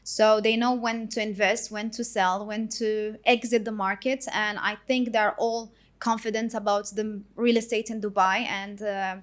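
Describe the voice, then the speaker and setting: A woman hosting a casual podcast interview as a real estate agent, asking steady, friendly questions. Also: mid-range voice, normal speed, hardly any pauses.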